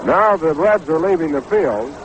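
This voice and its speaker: A slightly high-voiced American man gives animated baseball play-by-play at a moderate pace from a stadium booth, in the manner of 1960s radio commentary. The audio is dull and carries the noise of a 1960s AM broadcast.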